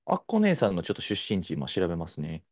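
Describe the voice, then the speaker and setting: Young Kansai man, very lively pitch. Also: fast. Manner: relaxed, polite and agreeable. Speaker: podcast co-host. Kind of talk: casual chat.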